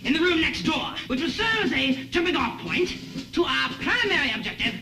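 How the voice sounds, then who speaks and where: High, clipped mock officer, 1960s sitcom, roomy sound. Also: male voice, sing-song, normal speed, exaggerated voice. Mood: commanding. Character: young man putting on a bossy British officer. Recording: roomy, distant 1960s TV audio with music.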